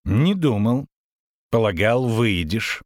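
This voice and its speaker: A man reading an audiobook, voicing a proud, tormented male sorcerer who speaks bitterly and breaks into shouts. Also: on the low side, lively intonation, slow pace, no room sound, clean studio sound. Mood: taunting. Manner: bitter, agitated, rising to shouts.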